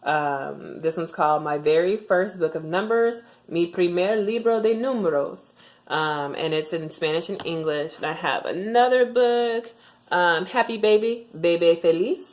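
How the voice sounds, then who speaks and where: Low-voiced and relaxed, a young woman chats to camera while sharing language tips in a tutorial vlog. Frequent ums and false starts make her delivery halting.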